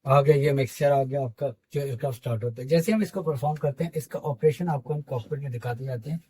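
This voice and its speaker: A man's voice: mid-range voice, quick pace, warm tone, breathy edge, no room sound, rough recording. A man with a Pakistani accent, a flight simulator instructor explaining the cockpit instruments, mixing English aviation terms into his talk.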